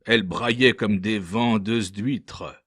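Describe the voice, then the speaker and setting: A boastful ship's interpreter spins a scornful, mocking yarn, as a man puts him on. The voice sits low and unhurried. The sound is dry and close, as in a storybook reading. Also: dry recording. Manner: lively mocking anecdote-telling.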